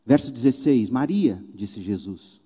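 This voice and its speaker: Mellow-voiced pastor preaching in a hall. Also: male voice, a little high, normal speed. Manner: animated, rhetorical questions and wry asides. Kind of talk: sermon. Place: church pulpit.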